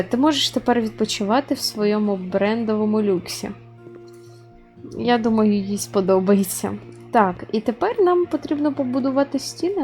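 A woman's voice: mid-range voice, a little mellow. A woman giving casual gameplay commentary, chatting straight to her viewers as she plays. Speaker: gaming video host.

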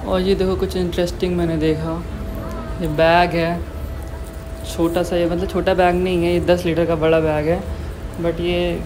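A man's voice: sits high, flat delivery, a little slow, music in the background. A young man from India giving a casual walking tour as a vlogger, chatting like a tour guide while filming on his phone in a metro and a mall. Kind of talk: casual walking vlog narration. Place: metro and shopping mall, indoors. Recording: noisy phone recording on the move.

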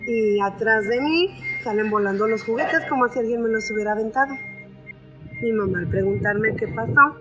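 A young woman telling a personal story in a casual, conversational way, often pausing on fillers. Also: on the high side, music in the background, low-quality recording. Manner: conversational, with frequent fillers and restarts. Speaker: storyteller sharing a personal experience.

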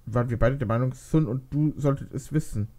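A man's voice: medium pitch, a little fast, dark tone, close to an everyday voice. A man voicing a shy, embarrassed young mother in a read-aloud fan fiction story, speaking hesitantly. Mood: sheepish.

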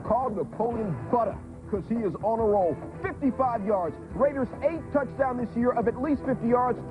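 A man delivering playful sports highlight commentary. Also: normal speed. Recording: dull broadcast with music behind.

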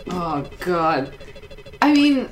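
A woman's voice: on the low side, very animated, extremely slow, roomy sound, faint music behind. A woman playing and commenting on a video game in casual, joking chat, teasing and swearing freely. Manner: teasing, profane exclamations. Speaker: game player and co-host.

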